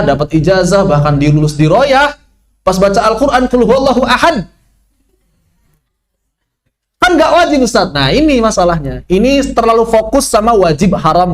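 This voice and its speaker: A man teaching Quran recitation rules in an online lesson, asking questions and answering them himself. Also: a little high.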